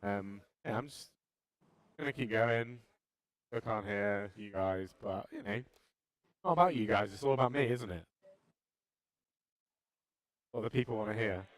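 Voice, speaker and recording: A man's voice: on the low side, moderate pace, no room sound, low-quality recording. Rambling, dryly jokey man, close sound. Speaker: tournament player. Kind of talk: rambling casual chat.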